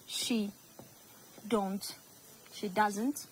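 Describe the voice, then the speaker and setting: A woman teacher with an Ethiopian accent, whose first language is Amharic, gives a slow, repetitive English lesson to young students. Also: medium pitch, steady tone, a little hiss or hum, rough recording. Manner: slow, repeats words, addresses students.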